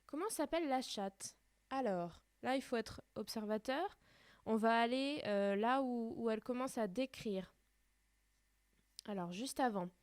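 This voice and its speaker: A woman's voice: on the high side, a little slow, dry recording. A woman teaching a primary school class in a recorded remote lesson, explaining patiently step by step.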